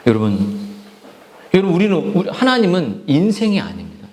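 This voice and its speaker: A man's voice: high voice, wildly swooping pitch, brisk, a little mellow. A male pastor preaching an impassioned sermon, repeating phrases and often breaking off mid-word as he presses his congregation. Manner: restarts and trails off mid-word.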